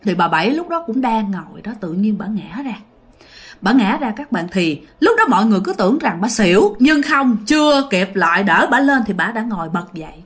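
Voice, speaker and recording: A woman's voice: medium pitch, sing-song, a little fast, husky. A woman with a Southern Vietnamese accent telling a ghost story in a casual, chatty way, talking directly to her listeners.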